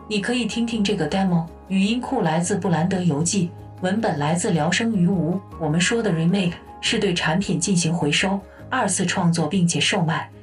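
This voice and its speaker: A woman voicing a calm female AI voice assistant who talks in an even, matter-of-fact way. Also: fairly low pitch, recorded from a distance, natural voice.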